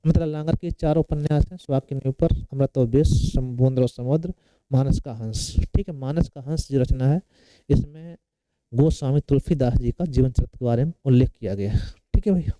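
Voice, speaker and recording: A man's voice: mid-range voice, a little fast, dark tone, no echo, rough recording. A male teacher giving an exam-prep Hindi lesson, asking questions and answering them himself, repeating the key words.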